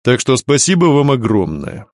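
Man playing a stern commanding dark duke. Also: mid-range voice, sing-song, dry recording, studio quality, pitched above the performer's own voice, natural voice. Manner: slow, clipped, curt. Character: stern male secret-police chief, cold and commanding. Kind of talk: audiobook reading.

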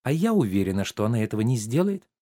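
Man doing a sassy maid who keeps talking back to her boss, lively up and down voice. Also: medium pitch, fast talker, no echo, studio quality. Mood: pert. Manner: pert, teasing, stubbornly contrary. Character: cheeky young female maid, sharp-tongued. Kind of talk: play reading.

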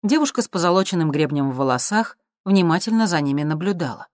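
An audiobook narrator reading in a steady, even storytelling manner. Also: medium pitch, fast, no room sound, clean studio sound.

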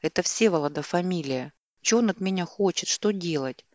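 A woman's voice: fairly low pitch, expressive, moderate pace, no room sound, clean studio sound, lightly acted. A woman voicing a frantic tearful young woman. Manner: agitated, pleading, shouting.

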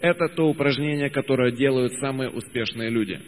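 A man's voice: mid-range voice, brisk, big-room sound, rough recording. A man interpreting a motivational talk phrase by phrase, hesitant, with frequent filler sounds and self-corrections. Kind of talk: consecutive interpretation.

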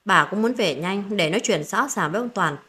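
A woman's voice: mid-range voice, expressive, fairly quick, sharp tone, breathy edge. A woman telling a first-person family drama story in a dramatic reading style. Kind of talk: scripted narration.

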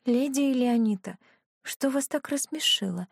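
A woman voicing a timid, frightened young girl companion with a squeaky, pleading voice. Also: normal speed, creaky, slightly rough, no echo, clean studio sound, exaggerated voice.

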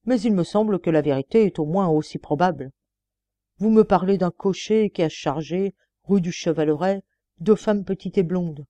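A woman's voice: lowish voice, moderate pace, warm tone, no room sound, close to an everyday voice. A woman reading the part of a defiant, ironic male murder suspect under questioning. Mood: scornful. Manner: mocking, then indignant pleading.

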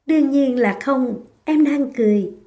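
A woman voicing a gentle young woman, tipsy and tender, speaking softly. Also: sits high, measured pace.

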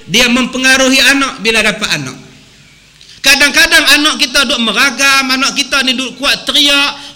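A man preaching a humorous sermon, animated and acting out voices as he goes. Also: extremely high pitch. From Malaysia. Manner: animated, sings song snippets and acts out voices.

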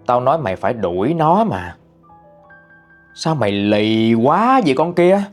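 A man voicing a menacing female ghost who hisses slow threats in a storytelling reading. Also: mid-range voice, sing-song, faint music behind.

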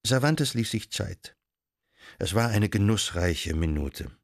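A man narrating a literary novel as an audiobook in a measured, expressive storytelling manner. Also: on the low side, vocal fry, no echo, studio quality.

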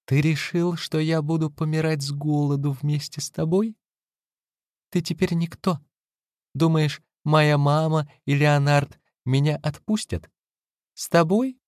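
A man reading an audiobook, voicing a furious, defiant young wife who shouts scornfully and rises into shrill cries. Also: steady tone, measured pace, no echo, studio quality, natural voice. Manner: shrill, scornful, rising to screams.

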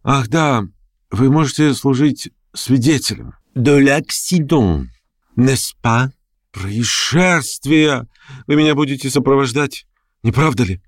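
A man reading an audiobook voices a sentimental, overwrought old gentleman with slow, fervent exclamations. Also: mid-range voice, dry recording, clean studio sound, pitched above the performer's own voice. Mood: flustered.

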